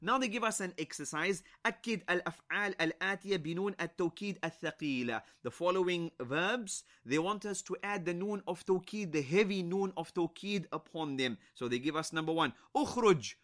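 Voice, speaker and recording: A man teaching Arabic grammar in English, slowly repeating each phrase several times and praising the class often. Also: sits high, expressive, fairly bright tone. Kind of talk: slow drilling grammar lesson.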